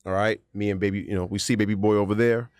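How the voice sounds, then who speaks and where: This podcast co-host speaks fast in a lowish, clear, resonant voice, captured as a dry, studio-quality recording. Telling a story in casual conversation, he animatedly acts out the voices and sound effects.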